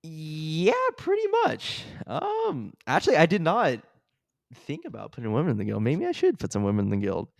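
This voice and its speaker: A man's voice: fairly high pitch, wildly swooping pitch, moderate pace, gravelly, darkish tone, dry recording, studio quality. A young man narrating a tabletop game as game master, casual and laughing often. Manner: casual, laughing, full of fillers.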